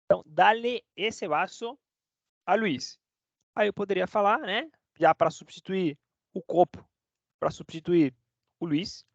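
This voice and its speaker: A high-voiced man teaches Spanish in a casual online lesson, his first language being Portuguese. He's chatty and checks in with the class every few words, and the recording is dry, dull and lo-fi.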